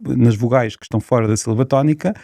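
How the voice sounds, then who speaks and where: A man's voice: medium pitch, fast, gravelly, warm tone, dry recording, studio quality. A man with a European Portuguese accent, a linguist guest on a podcast, explaining at length with many fillers and restarts.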